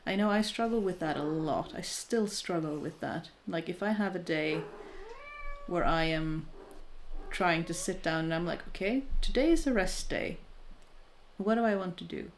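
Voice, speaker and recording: Talking with her viewers in a relaxed live chat, this woman from Norway, in her thirties, streams her crafting. She has a fairly low voice at a moderate pace, and she's candid, reflective and self-deprecating, often starting sentences over.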